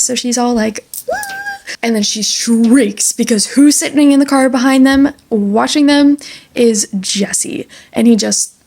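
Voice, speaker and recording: A woman's voice: mid-range voice, vocal fry, darkish tone. A woman talking through a book in a casual review vlog, chatty and enthusiastic with lots of fillers.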